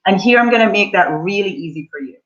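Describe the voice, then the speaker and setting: Expressive and fast-talking, this woman in her forties has a mid-range, slightly bright voice. She coaches money mindset and is running a live online session, cheering her audience on with upbeat encouragement. The audio is dull.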